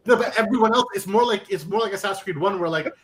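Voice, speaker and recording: A man's voice: high voice, quick pace, a bit bright, a little hiss or hum. A young man hosting a casual movie chat on a stream, joking and chatty with lots of fillers. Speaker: podcast host.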